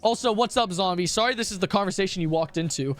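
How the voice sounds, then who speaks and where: Young male streamer, high-pitched, talks in foul-mouthed rambling tangents over soft music. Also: fast talker. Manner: crude, rambling, profane storytelling. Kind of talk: casual chat.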